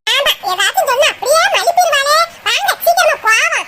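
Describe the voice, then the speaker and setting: A woman's voice: animated, fairly quick. A woman voicing several characters in a cartoon comedy dub. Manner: high squeaky voice. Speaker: cartoon voice artist. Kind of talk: Tamil cartoon comedy dubbing. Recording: loud background noise.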